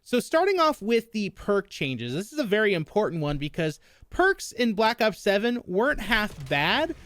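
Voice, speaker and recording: A man's voice: high voice, sing-song, normal speed, fairly bright tone, no echo. A man hosting a gaming news video, speaking with a slightly slurred mouth numb from the dentist. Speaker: gaming YouTube host. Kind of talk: scripted-sounding gaming news narration.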